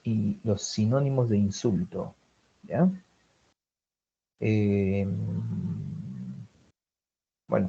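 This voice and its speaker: A man's voice: on the low side, dark tone, breathy edge, highs cut off. A man with a Peruvian Spanish accent teaching a vocabulary class, listing synonyms and checking in with his students. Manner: drills vocabulary lists, checks in with students often. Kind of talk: online class lecture.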